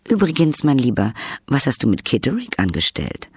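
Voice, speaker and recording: A man voicing an affectionate older woman, a spy chief who teases her partner gently. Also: medium pitch, wildly swooping pitch, normal speed, slightly rough, no room sound, clean studio sound, pitched above the performer's own voice, full character voice. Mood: teasing. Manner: fond, gently teasing.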